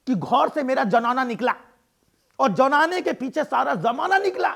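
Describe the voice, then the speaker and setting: A man voicing an excitable older man, talking in a shrill, high, whining way. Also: moderate pace, vocal fry, full character voice. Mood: complaining. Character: excitable Bengali older man, comic neighbor.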